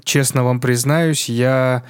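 A man's voice: mid-range voice, steady tone, takes it slowly, clean tone, no room sound, clean studio sound. Male podcast guest, mid-range voice, loose slangy chat with hesitant phrasing.

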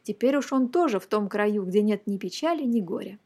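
A woman reading a children's fairy tale aloud in a lively, expressive storytelling manner. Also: mid-range voice, brisk.

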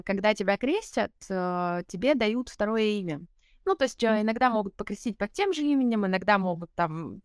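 Captured in clean, dry studio sound, this mid-range voice belongs to a twentysomething woman being interviewed. Her casual answers are reflective and full of fillers and fresh starts.

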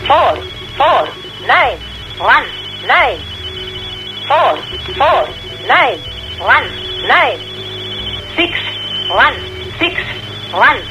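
A woman counts off strings of numbers very slowly and mechanically. Her bright, slightly higher voice comes through a muffled, fading shortwave radio signal, like an old number-station broadcast. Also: faint music behind. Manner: slow, flat, mechanical counting. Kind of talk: reading out digit groups.

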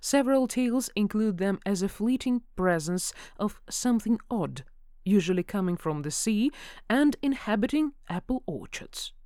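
A woman hosting a folklore podcast, explaining in a calm, informative scripted delivery. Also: medium pitch, moderate pace, no echo, clean studio sound. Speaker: podcast host.

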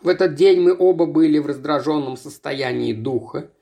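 Measured audiobook reader. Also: mid-range voice, gravelly, warm tone. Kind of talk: first-person literary narration.

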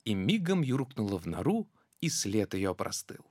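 A storyteller reading a children's verse tale aloud in a rhythmic, expressive way. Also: mid-range voice, moderate pace, no echo, clean studio sound.

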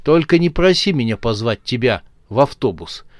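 A man voicing an excitable, lovestruck young male rugby player who speaks in eager exclamations, in a storybook reading. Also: mid-range voice, normal speed, dry recording, clean studio sound, natural voice. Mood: wary.

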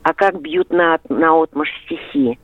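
A man's voice: fairly high pitch, fairly even intonation, slow pace, dry recording. A male caller speaking emphatically on a radio call-in show. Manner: emphatic, declamatory. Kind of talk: call-in over the phone. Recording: tinny phone line.

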